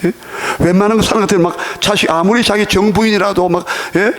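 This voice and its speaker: A man's voice: high voice, steady tone, fast talker. A male pastor preaching a sermon in a church, emphatic and repetitive, often asking the congregation questions.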